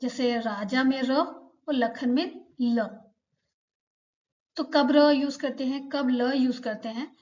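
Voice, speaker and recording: A woman teacher with a slightly high voice gives a patient lesson at a very slow pace. She repeats each sound slowly, and the recording is a bit dull and lo-fi. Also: a little mellow. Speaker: Korean language teacher.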